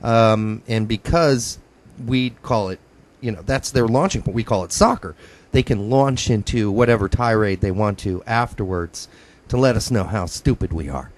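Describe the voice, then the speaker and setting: A man's voice: fairly low pitch, normal speed. A man hosting a casual sports podcast, talking in a rambling way with plenty of ums and uhs. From United States. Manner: rambling, hesitant with many fillers. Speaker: podcast host.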